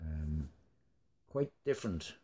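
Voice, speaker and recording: A low-pitched man with an accent from the Irish Midlands. He talks like a lilting traditional storyteller and guide, laying out his explanations in an interview with unhurried pauses. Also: sing-song, mellow, breathy edge. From Ireland.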